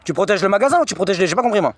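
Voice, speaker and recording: In this personal storytelling monologue, a vlogger recounts things that happened to him, ranting quickly in a high, lively voice. His retelling is agitated, slang-filled and keeps repeating itself.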